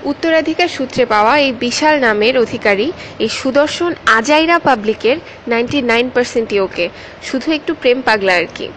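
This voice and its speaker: A woman narrates a comic short in a wry, teasing tone. Her voice sits slightly high, and a faint hiss runs beneath it. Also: animated, fairly quick, fairly bright tone, low-quality recording.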